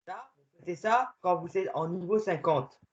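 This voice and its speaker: A man giving casual gaming commentary while playing with a friend, excitable and swinging between muttering and shouting. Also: high-pitched, unhurried, dull audio.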